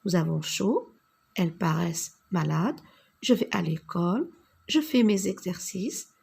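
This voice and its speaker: Slow, husky woman teaching grammar. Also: on the low side, very animated, a little mellow. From North Africa. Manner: slow, patient, spells out answers while writing. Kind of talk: grammar lesson for children.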